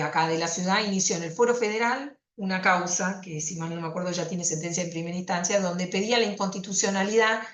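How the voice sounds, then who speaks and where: Lower-voiced woman lecturing in an echoey room. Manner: conversational, explanatory, with fillers and rhetorical questions. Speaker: prosecutor lecturing on consumer law. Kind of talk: university lecture.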